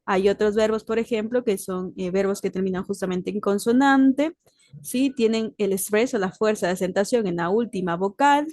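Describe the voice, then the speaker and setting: In this recorded online English lesson, the teacher's voice is medium in pitch, darkish, and delivered at normal speed. She patiently walks through explanations in Spanish and English, punctuated by "¿sí?". There's no room sound at all; it's very dry.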